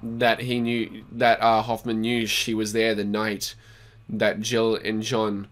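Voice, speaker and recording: A man's voice: on the low side, monotone, slow, fairly bright tone. A young adult man giving casual film reaction commentary into a desk microphone. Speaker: host of a film reaction show. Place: small bedroom studio. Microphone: desk microphone, wearing headset. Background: film soundtrack music.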